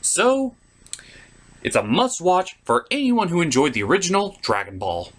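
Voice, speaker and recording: A high-voiced man with huge pitch swings, talking at normal speed, hosts a scripted comedic cartoon review. He's theatrical and opinionated, with crude turns of phrase, and a music bed plays behind.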